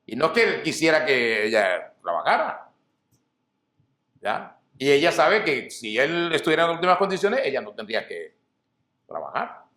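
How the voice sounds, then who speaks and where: A man's voice: a little high, very animated, normal speed, pushed and bright. A middle-aged man, a pastor preaching a sermon, who asks the congregation rhetorical questions, answers them himself and repeats key phrases. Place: church hall. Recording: roomy church hall echo.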